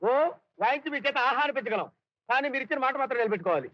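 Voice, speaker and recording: Whiny comic sidekick, tabla player, bright tense voice, dry dull film audio. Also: male voice, very high-pitched, animated, very fast, exaggerated voice. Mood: defiant. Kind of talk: Telugu film comedy dialogue.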